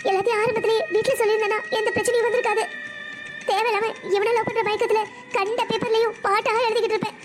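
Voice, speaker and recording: A woman's voice: very high voice, flat delivery, very fast, over music. A woman voicing a heartbroken seventeen-year-old girl in a family cartoon, complaining through tears. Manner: tearful, complaining. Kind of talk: cartoon voice acting.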